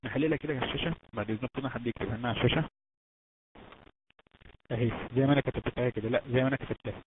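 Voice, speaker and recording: A man with an Egyptian accent teaching Quran recitation rules in an online lesson, explaining step by step and quizzing his students. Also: medium pitch. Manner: explains step by step, asks students questions, drawn-out chanted examples. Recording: tinny noisy phone-like line.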